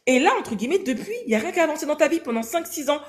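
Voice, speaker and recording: A young woman telling a story casually in an interview, animated and slangy, acting out the dialogue. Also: sits high, racing. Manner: animated, slangy, acts out dialogue in quoted voices.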